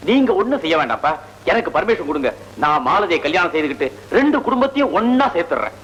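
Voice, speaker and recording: A man's voice: fairly high pitch, sing-song, quick pace, a bit bright, husky, exaggerated voice, rough recording. An actor playing an earnest young son who insists on marrying the girl he loves. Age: young adult. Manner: eager, insistent. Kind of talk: classic film dialogue.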